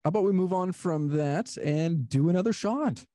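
A man hosts a casual podcast chat in an easygoing, laughing manner. His voice is mellow and warm, with a dry close sound. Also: high voice, moderate pace, dry recording. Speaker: podcast host.

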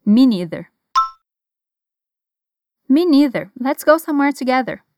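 A woman with a Brazilian Portuguese accent teaching an English lesson. She pronounces model phrases slowly and carefully, has learners repeat them after her, and encourages them. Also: sits high, big pitch swings, a little mellow, no echo.

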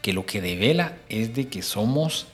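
A man's voice: fairly low pitch, animated, moderate pace, faint music behind. Middle-aged male host, preachy. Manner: preachy, addresses listener directly, acts out little quotes.

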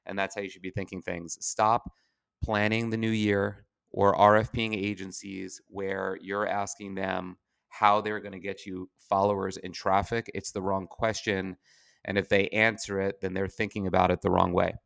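A man's voice: deep voice, level tone, normal speed, gravelly, a bit bright, smooth, dry recording. A man giving an informal business advice monologue in an opinionated, emphatic, plain-spoken way. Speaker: marketing agency professional giving advice.

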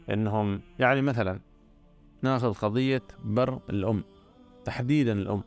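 Man with a gravelly low voice, giving a religious talk over faint music, earnest and repetitive.

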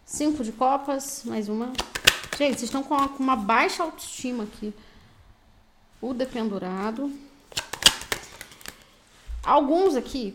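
A Brazilian woman with a high voice reads tarot cards aloud. She is blunt and direct, and she scolds and encourages the listener in casual slang. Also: a little hiss or hum. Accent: Brazilian Portuguese. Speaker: tarot reader. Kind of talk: intuitive tarot reading.

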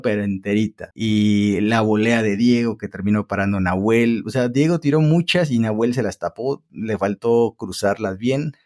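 A man's voice: medium pitch, warm tone. A man chatting casually about football as a fan podcast host, colloquial and opinionated.

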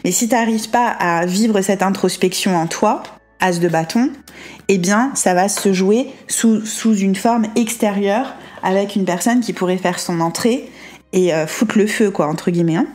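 A woman giving a tarot reading in a fast, chatty way, with frequent asides and check-ins to the listener. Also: mid-range voice, a little mellow, faint music behind. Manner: quick, chatty, with many asides and checks like "hein" and "d'accord"; switches to slow, careful reading when reading card text aloud. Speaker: tarot reader. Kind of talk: casual spoken tarot reading.

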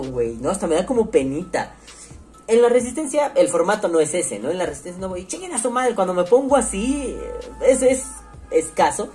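A man's voice: a little high, mellow. A man with a Mexico City accent rambles casually to his audience, swearing freely and slipping into slang. He acts out other people's voices as he talks, with faint music in the background. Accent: Mexico City Spanish. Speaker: online show host reading comments. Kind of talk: casual profane monologue.

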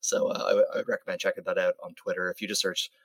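A man's voice: low voice, little pitch movement, fast, no echo. A man co-hosting a casual podcast, talking at length with fillers and restarts. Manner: rambling, hedging with fillers and repeats. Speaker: podcast co-host. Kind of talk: casual chat.

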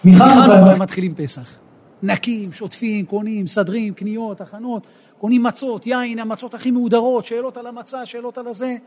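A rabbi teaching a Torah lesson, an animated storyteller who rises to emphatic outbursts. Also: male voice, very high voice.

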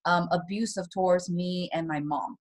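A woman from Taiwan, a guest in an interview, telling her personal story in a soft voice with nervous little laughs. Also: lowish voice, steady tone, normal speed. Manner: soft-spoken, laughs nervously between painful memories.

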